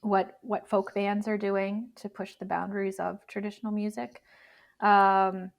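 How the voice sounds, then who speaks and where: A Canadian woman in her thirties, a bagpiper chatting as an interview guest, halting with many restarts. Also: medium pitch, flat delivery, vocal fry. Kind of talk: casual interview chat.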